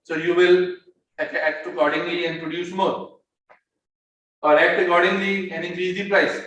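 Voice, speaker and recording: A man's voice: sits high, little pitch movement, moderate pace, fairly bright tone, highs cut off. A man lecturing a class on economics, explaining step by step, often repeating words as he searches for the next one, and mixing English with Hindi-Urdu phrases. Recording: very echoey room, mic far off, faint background noise.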